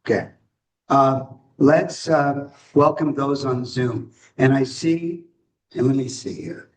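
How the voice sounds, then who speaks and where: A man running a club meeting in a relaxed, joking way, welcoming members and guests. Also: mid-range voice, far from the mic, poor audio. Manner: relaxed, joking, slow-paced. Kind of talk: casual meeting chat.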